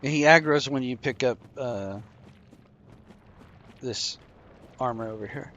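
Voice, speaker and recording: In dull audio with slight background noise, a tired gamer casually explains his moves and yawns as he plays. He has a mid-range voice, talks a little slowly, and records on a desk microphone.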